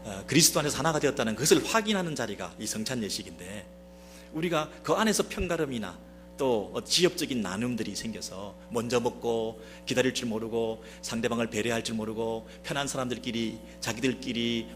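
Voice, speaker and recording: A man's voice: medium pitch, fairly quick, a bit bright, soft background music. A Korean man preaching a Sunday sermon as a pastor, speaking straight to the congregation with many rhetorical questions. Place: church sanctuary.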